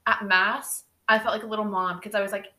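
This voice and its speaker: A woman's voice: medium pitch, level tone, brisk, sharp tone. A young adult woman hosting a podcast, telling a story in a casual, chatty way with lots of fillers. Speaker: podcast host. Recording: roomy echo.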